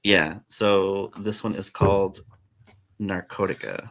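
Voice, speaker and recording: Guy with a lowish voice, podcast co-host, loose chatty talk, lots of ums. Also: slow pace, creaky. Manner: relaxed, hesitant with many ums. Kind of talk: casual chat.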